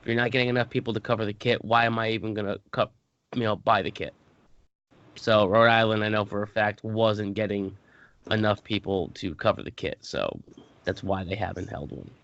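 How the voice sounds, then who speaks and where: A man co-hosts a casual podcast about a tabletop game. He rambles, often restarting his sentences, and jumps into animated bursts. His voice sounds dry, close and slightly dull, like lo-fi podcast audio. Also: lowish voice, fairly quick, no echo. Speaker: podcast co-host.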